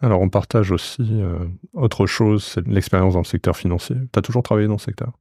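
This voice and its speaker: Deep, mellow-voiced male podcast host. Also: brisk, no room sound, clean studio sound. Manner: relaxed conversational, some fillers. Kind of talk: podcast interview.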